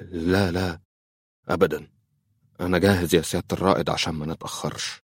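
A man plays a secretive Egyptian priest, hesitant and evasive, in a deep voice. The sound is dry and close, as in a storybook reading. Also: fairly even intonation, fast, breathy edge, dry recording. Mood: uneasy. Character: troubled middle-aged male priest, secretive.

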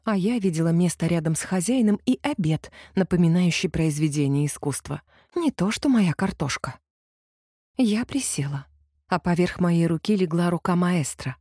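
Woman with a mellow husky voice. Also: lowish voice, no room sound, studio quality. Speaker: audiobook narrator. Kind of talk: first-person novel reading.

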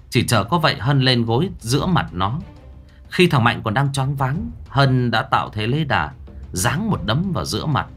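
A man narrating a ghost story audiobook in a dramatic way. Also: mid-range voice.

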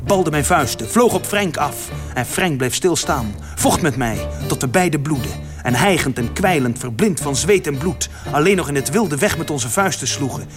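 A man reading a first-person literary story aloud as narrator, with dramatic delivery that swells in its louder passages. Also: a little high, animated, normal speed, hardly any pauses, over music.

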